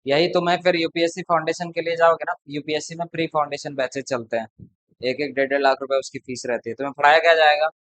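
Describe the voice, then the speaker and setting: A man's voice: a little high, steady tone, fast talker, fairly bright tone, dry recording, poor audio. A man tutoring a class, talking casually and bluntly to his students between problems. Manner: blunt, chatty, lecturing. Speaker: math tutor.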